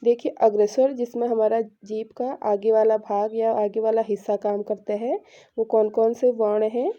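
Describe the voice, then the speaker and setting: A woman's voice: fairly high pitch, level tone, normal speed, highs cut off. A woman teaching an exam-prep lesson, explaining patiently and answering her own questions.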